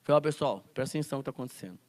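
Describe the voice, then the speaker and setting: A man's voice: medium pitch, very fast. A man teaching a Bible school lesson, quoting scripture and asking the class rhetorical questions. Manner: quotes scripture and acts out classroom scenes.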